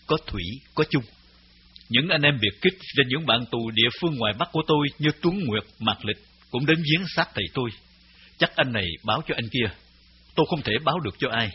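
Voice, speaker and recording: A man's voice: medium pitch, a little hiss or hum. Grave male memoir narrator. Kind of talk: memoir audiobook reading. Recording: slightly dull recording with faint music.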